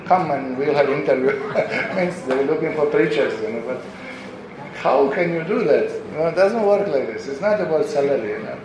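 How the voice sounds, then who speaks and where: A man's voice: on the high side, expressive, normal speed. Echoey European man giving a spiritual talk. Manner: anecdotal, peppers speech with "you know", acts out quoted voices. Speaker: visiting preacher answering questions. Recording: very echoey room with clear background noise.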